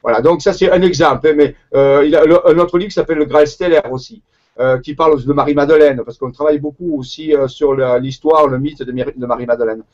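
A man with a warm southern French Marseille accent talks through an interview in a fairly high voice. He hesitates often, circling back and restarting his sentences. The recording sounds dull and lo-fi. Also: steady tone, quick pace. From Marseille, southern France. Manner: hesitant, many fillers and restarts. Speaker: guest researcher. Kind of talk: conversational interview.

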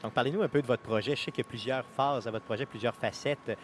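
A man's voice: medium pitch, fast, a little hiss or hum. A man with a Québécois accent hosting a casual live podcast interview at a convention, chatty and friendly. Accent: Québécois French. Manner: relaxed, friendly, chatty with fillers. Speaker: podcast host. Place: busy convention floor.

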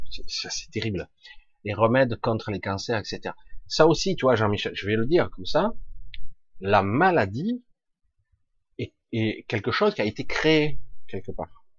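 A man with a husky, raspy voice speaks informally and emphatically to an audience, using rhetorical questions and coarse slang in an opinionated monologue. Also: on the low side, dry recording. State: throat scratchy with occasional coughing. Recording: dull, lo-fi close recording.

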